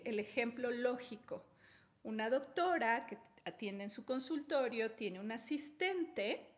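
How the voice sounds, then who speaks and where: A woman with a somewhat high voice giving a relaxed teaching talk. She explains through examples and keeps her listeners with her using frequent little check-in questions. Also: a little slow. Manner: storytelling, checks in with tag questions. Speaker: holistic health speaker.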